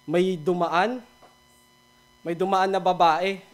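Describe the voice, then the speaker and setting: A man's voice: high-pitched, little pitch movement, slow. A Filipino man giving a daily devotional sermon, switching between Tagalog and English, casual and joking at times. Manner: mixes Tagalog and English, laughs at his own jokes. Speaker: devotion speaker.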